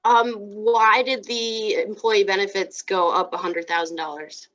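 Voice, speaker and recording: A woman's voice: medium pitch, flat delivery, unhurried, fairly bright tone, dull audio. A woman at a town board meeting asking direct questions about the budget over a video call.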